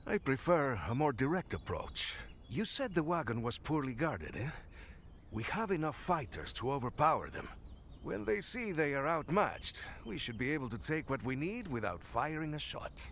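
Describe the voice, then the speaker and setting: Proud, animated general. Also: male voice, medium pitch, normal speed, a little hiss or hum. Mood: resolute. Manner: formal, stately phrasing. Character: proud, righteous military general, formal and forceful. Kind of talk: video game voice acting.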